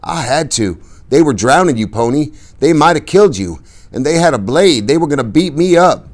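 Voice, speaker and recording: Man playing quiet scared teen greaser, low steady voice, shaken. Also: moderate pace, lightly acted.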